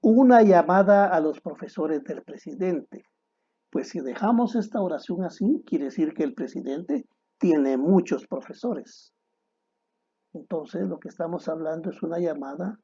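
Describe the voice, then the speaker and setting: A man teaching a grammar lesson to students, deliberate and didactic, posing rhetorical questions and then answering them. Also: a little high, dark tone, husky, lo-fi sound.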